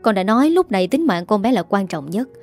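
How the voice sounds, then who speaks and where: Woman reading as a stern, steady young father. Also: faint music behind. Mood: firm. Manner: low, measured. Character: stern, calm young father, deep-voiced man.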